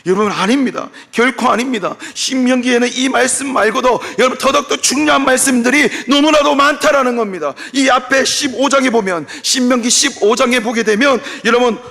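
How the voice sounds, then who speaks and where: A man preaching in a church sanctuary, his voice pitched high and bright with a gravelly edge. He tells the stories with lively delivery, briefly acting out each character. A long hall reverb trails behind every phrase. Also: brisk, hardly any pauses. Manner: animated storytelling, acting out biblical speakers. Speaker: pastor. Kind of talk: sermon.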